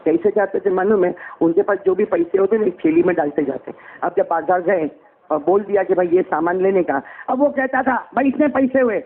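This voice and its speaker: High-voiced preacher, tinny sound. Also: male voice. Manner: animated, calls out questions to the audience. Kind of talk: sermon.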